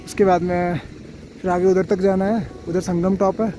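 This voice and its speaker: A man with a fairly high voice talks to his camera while hiking a mountain trail outdoors. He is feverish and worn out from the climb, yet stays chatty and keeps giving friendly advice to his viewers. Soft music plays faintly underneath. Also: flat delivery, moderate pace. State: unwell with a fever, tired from climbing. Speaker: travel vlogger. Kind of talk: casual travel vlog narration.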